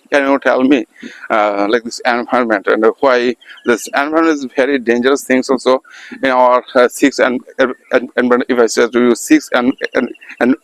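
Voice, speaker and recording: A man's voice: medium pitch, dry recording, low-quality recording. A man, teaching pronunciation in an informal spoken lesson, hesitating often with many fillers and restarts. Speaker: English teacher.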